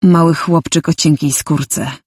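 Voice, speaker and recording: A woman voicing a menacing, mocking male warrior leader in an audiobook, with a slow, taunting delivery. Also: low voice, dark tone, breathy edge, dry recording, studio quality.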